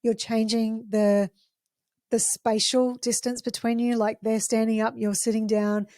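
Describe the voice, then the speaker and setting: A woman's voice: a little high, flat delivery, measured pace, no room sound, studio quality. Woman explaining on a podcast. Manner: gentle, explaining with examples. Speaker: parenting podcast host.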